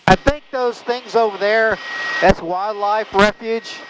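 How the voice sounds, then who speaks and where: A man's voice: high voice, slow pace. A man piloting a helicopter, chatting casually over a headset in the cockpit. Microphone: headset intercom cable feed. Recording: headset audio, loud helicopter noise.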